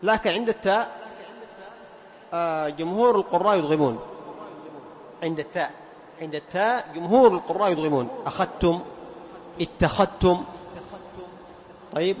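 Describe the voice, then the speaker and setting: A man teaching a class on Quran recitation rules, stretching out example words slowly and quizzing his students with questions. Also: a little high, a little mellow, a little hiss or hum.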